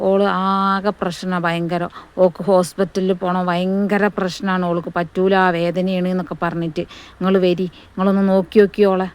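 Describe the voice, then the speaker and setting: A man playing a stubborn husband who keeps insisting in a flat voice. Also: sits high, moderate pace, clear, resonant tone, close to an everyday voice. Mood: dismissive. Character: stubborn husband, dismissive, refuses hospital.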